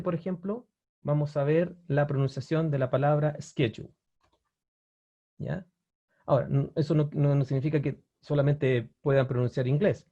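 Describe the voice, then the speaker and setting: A man's voice: on the high side, mellow, highs cut off. A man giving an online webinar lesson about language-learning websites, explaining at an easy pace with many fillers and restarts, often checking in with his viewers. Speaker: language teacher presenting a webinar.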